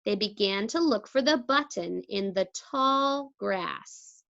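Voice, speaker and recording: A woman teacher reads a children's story very slowly and deliberately. Her voice is bright and swings widely in pitch. The recording is slightly dull and lo-fi. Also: lively intonation, vocal fry. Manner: deliberate articulation, asks listeners questions. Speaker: teacher reading aloud to young children. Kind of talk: expressive storybook read-aloud.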